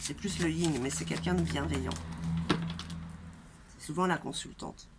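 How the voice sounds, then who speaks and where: Nasal, congested woman with a very gravelly creak. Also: sits low, normal speed. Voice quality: nasal, congested stuffed-up voice from a blocked throat. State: congested throat, coughing and throat-clearing. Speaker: tarot reader and channel host. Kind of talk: casual chatty tarot reading to viewers. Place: outdoors in a light wind. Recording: noisy outdoor recording with wind.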